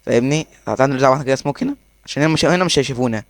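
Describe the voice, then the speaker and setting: A man with an Egyptian accent giving excitable gameplay commentary, laughing often and talking to himself as he plays. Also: medium pitch, rapid-fire, no echo. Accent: Egyptian Arabic. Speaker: gaming YouTuber.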